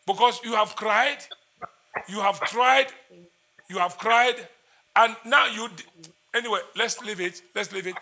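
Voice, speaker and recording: A man's voice: sits high, measured pace, long pauses, sharp tone. A man, preaching as a prophet in a church service, intense and repetitive as he declares prayers.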